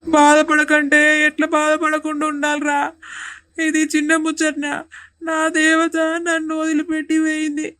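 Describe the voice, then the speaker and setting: A woman's voice: high voice, monotone, moderate pace, a bit bright. A woman voicing a sobbing young village husband. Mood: grieving. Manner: pleading, tearful and repetitive. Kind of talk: cartoon voice acting.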